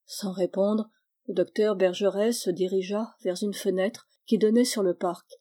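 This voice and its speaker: A woman reading a novel aloud, in steady, measured narration. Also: medium pitch. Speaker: audiobook reader. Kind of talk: scripted narration.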